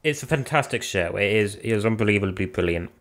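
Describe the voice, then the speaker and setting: A man's voice: fairly low pitch, lively intonation, quick pace, fairly bright tone. A man co-hosting a casual podcast, playful, laughing often and swearing. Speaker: podcast co-host. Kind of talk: casual chat.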